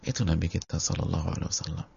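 Deep gravelly male preacher. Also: rapid-fire, dark tone, muffled recording, a little hiss or hum. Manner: repetitive emphasis, addresses the congregation. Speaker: Islamic preacher. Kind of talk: sermon on a hadith book.

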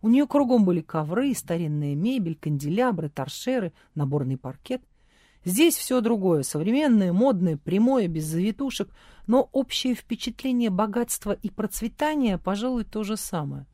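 A woman narrates an audiobook in an even, measured manner. Her voice sits in a middle range. The recording is dry and close, with no room sound. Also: mid-range voice, no room sound. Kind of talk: scripted narration.

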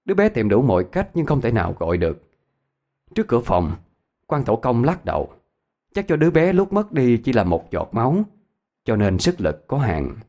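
A man narrating a ghost story expressively. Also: moderate pace. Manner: expressive, varied pitch.

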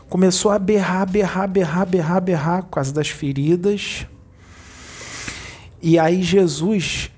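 A spiritual medium, a man, recounting a vision to his audience in an animated, repetitive storytelling manner. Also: mid-range voice, slight background noise. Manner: animated storyteller, repeats himself.

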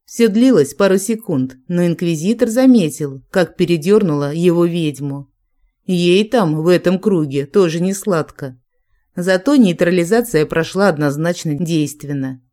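An audiobook narrator reading a fantasy novel in an even, unhurried manner. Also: medium pitch. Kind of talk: scripted narration.

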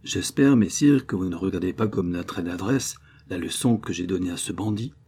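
Man doing cocky teen forester, mocking and proud, dark husky tone. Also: mid-range voice, moderate pace, close to an everyday voice.

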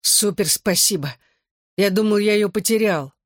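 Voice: medium pitch, no room sound, clean studio sound, voice pushed up, natural voice. A reader voicing a giddy teenage boy in a hospital bed who slurs and drags out his words while drugged. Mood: slurring. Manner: slurred, drawn-out, giddy.

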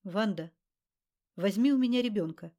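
A woman voicing a calm, firm village woman who speaks softly and gives short orders. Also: mid-range voice, normal speed, natural voice. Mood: steady. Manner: calm, then curt orders.

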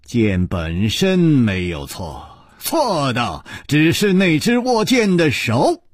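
A man voicing a calm, wise male swordsman who speaks in a measured, reflective way. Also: a little high, breathy edge, no room sound, clean studio sound, voice pushed up, heavily acted.

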